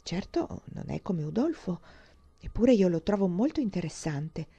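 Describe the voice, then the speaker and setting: Woman reader doing a naive young woman, eager, breathless exclamations, dark mellow tone, dramatized audiobook. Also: on the low side, sing-song, moderate pace, breathy edge, no echo, muffled recording, exaggerated voice. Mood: eager, innocent.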